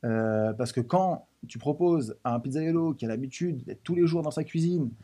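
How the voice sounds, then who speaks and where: Man, guest in studio, husky and mellow, lively talker. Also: fairly high pitch, normal speed. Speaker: pizza business founder, guest. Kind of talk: casual studio interview.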